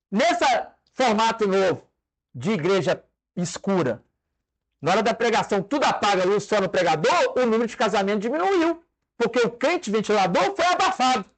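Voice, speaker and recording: Brazilian male preacher, high voice, very expressive delivery, joking sermon style. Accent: Brazilian Portuguese. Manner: animated, conversational, demonstrates stage tricks with humor.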